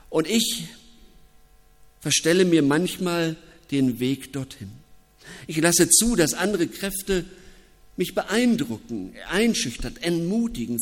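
Slow-speaking pastor in a reverberant church. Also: male voice, on the high side, very animated. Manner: reflective, personal, with pauses. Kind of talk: sermon.

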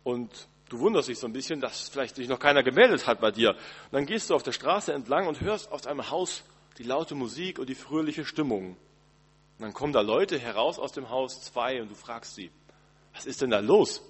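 Husky-voiced male preacher in reverberant church. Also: medium pitch, lively intonation, a little fast. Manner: gentle, conversational preaching with direct address. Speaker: pastor. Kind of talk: Christmas Eve sermon.

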